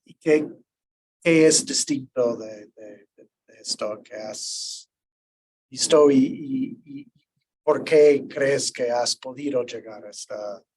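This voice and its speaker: Slow, hesitant man asking questions. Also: mid-range voice, a little mellow, breathy edge, poor audio. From United States. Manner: hesitant, stammers at starts. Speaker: seminar participant. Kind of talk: seminar discussion.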